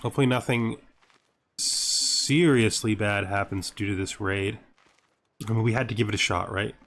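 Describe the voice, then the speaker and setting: A gaming series host speaks at a moderate pace in a lowish, slightly bright voice with a steady tone, with slight background noise and music behind him. His relaxed game commentary features thinking aloud, rhetorical questions, exasperated remarks and occasional reading of game text.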